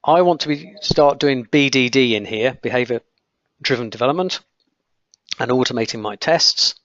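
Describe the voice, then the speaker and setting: With a croaky, mid-range voice at a normal pace, a man leads a live software-testing webinar, clicking through screens while peppering his explanations with okays and ums. The sound is lo-fi, without echo.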